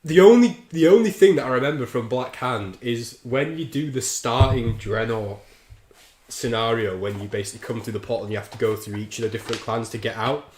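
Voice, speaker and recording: A man's voice: mid-range voice, a little fast, a little mellow, echoey room. A man hosting a livestream, bantering crudely and laughing while drinking. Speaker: livestream host. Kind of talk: casual chat.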